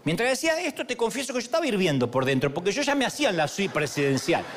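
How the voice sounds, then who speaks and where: A man's voice: high voice, big pitch swings, very fast, noisy background. A man with an Argentine accent giving a humorous, sermon-style talk, telling stories in a playful, self-mocking way. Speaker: motivational speaker.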